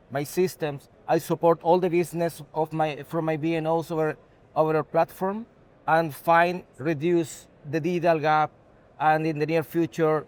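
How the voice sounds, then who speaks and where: A technology executive from Chile gives unscripted interview answers in halting, non-native English with a Chilean Spanish accent. His voice sits on the high side.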